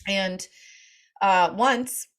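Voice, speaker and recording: A woman's voice: mid-range voice, drawn-out words. A woman telling family stories to an audience, laughing often and acting out quoted voices. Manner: warm anecdotal, laughs often, acts out quotes. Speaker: speaker. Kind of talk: storytelling talk to an audience.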